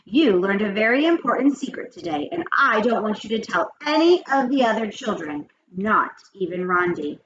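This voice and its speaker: A woman's voice: medium pitch, animated, moderate pace, few pauses, echoey room, far from the mic, natural voice. A woman voicing a friendly, scatterbrained female primary teacher from a storybook, talking earnestly to a child. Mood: confiding. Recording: muffled lo-fi with faint noise.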